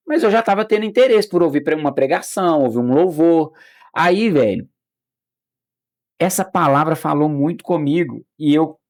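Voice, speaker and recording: Brazilian man telling his testimony. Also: on the high side. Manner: animated storyteller who acts out quoted dialogue; frequent restarts and filler words. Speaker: podcast guest. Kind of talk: personal faith testimony in casual chat.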